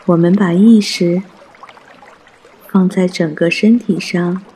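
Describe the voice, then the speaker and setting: A man guiding a mindfulness meditation in a soft, hushed, breathy voice, gentle and soothing, with long pauses. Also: high voice, steady tone. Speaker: meditation guide.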